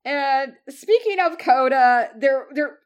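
A woman co-hosting a podcast in casual chat, rambling and cutting herself off with quick asides. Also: high-pitched, lively intonation, highs cut off. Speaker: podcast co-host.

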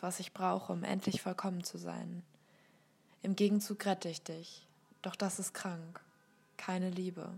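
A woman reads a personal essay aloud in a soft, slow, measured way, her voice often sinking into a whisper. Her voice sits fairly low and stays flat and even, with little rise and fall. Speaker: reader of a guest text.

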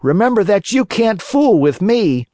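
A man voicing a cheeky, boastful wooden puppet boy in a high, excited voice. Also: unhurried, dry recording, studio quality.

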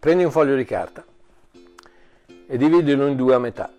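A man preaching a sermon in an animated way, often repeating and restarting words, with jokey asides. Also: mid-range voice, a little fast, faint music behind.

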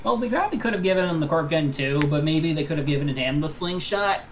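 A woman's voice: sits low, expressive, quick pace, muffled recording, a little hiss or hum. A woman in casual podcast chat, thinking aloud and reworking her sentences as she goes.

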